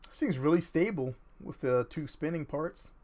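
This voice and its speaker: A man's voice: a little high, normal speed. Upbeat man in casual gaming chat. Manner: upbeat, laughs often, excitable. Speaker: gamer playing online with a friend.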